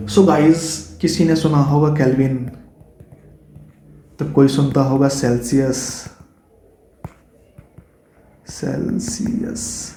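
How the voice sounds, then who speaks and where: A man's voice: on the high side, dark tone, echoey room. A man with an Indian English accent teaching an online exam-prep lesson, chatty and coaxing, calling his students guys and dear children.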